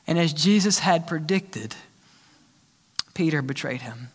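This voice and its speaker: Pastor guy preaching, high bright voice, big echoey church sound. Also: unhurried, breathy edge. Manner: animated preaching with questions to the congregation. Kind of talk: sermon.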